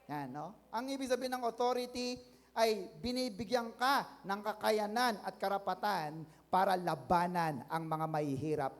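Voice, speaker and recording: High-voiced Filipino pastor preaching in a hall. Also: male voice. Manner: mixes English into preaching, calls for amens, builds to loud declarations. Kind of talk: sermon.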